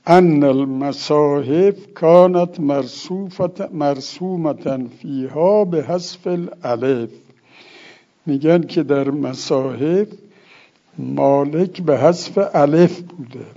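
A man's voice: on the high side, creaky, warm tone, dull audio. A man teaching a religious law lesson, reading Arabic passages aloud and then explaining them. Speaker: seminary teacher.

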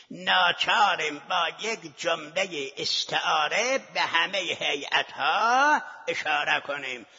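A man's voice: a little high, pushed and bright, breathy edge. A man teaching seminary students in a scholarly lecture, arguing his point and posing rhetorical questions to the class. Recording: lo-fi recording with long hall reverb.

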